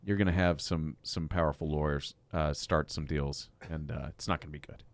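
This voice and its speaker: A man's voice: very deep voice, fairly even intonation, brisk, no echo. A man giving his opinions on a casual sports podcast.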